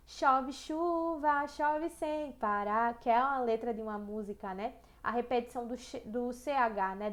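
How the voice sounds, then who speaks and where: A woman with a Brazilian accent teaching an online lesson, chatty, checking in with "tá?" and "né?", reading verses slowly. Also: high-pitched. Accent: Brazilian Portuguese. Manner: reads poems aloud slowly and rhythmically.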